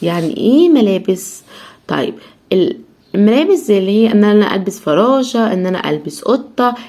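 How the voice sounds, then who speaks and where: A young Egyptian woman teaching children English, breaking each word into slow syllables and repeating it many times. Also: medium pitch, dark tone. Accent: Egyptian Arabic. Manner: drills each word slowly, syllable by syllable, over and over.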